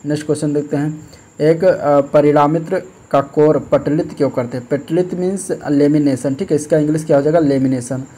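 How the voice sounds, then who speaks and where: Talking a little fast in a higher-leaning voice, a man explains practice test questions as an exam-prep tutor. He goes step by step with steady explanations and plenty of fillers, regularly checking in with "okay" and repeating "ठीक है".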